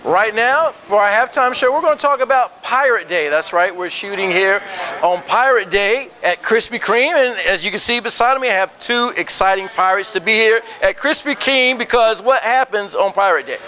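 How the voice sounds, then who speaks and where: A man's voice: high voice, normal speed, pushed and bright. A man presenting a sports show segment on location in a doughnut shop, with chatty, playful banter.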